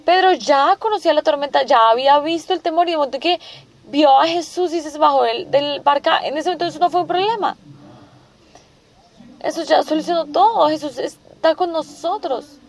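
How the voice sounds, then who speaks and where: A woman's voice: sits high, moderate pace. A woman preaching a sermon, asking rhetorical questions and restating each point several times. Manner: asks the listeners rhetorical questions.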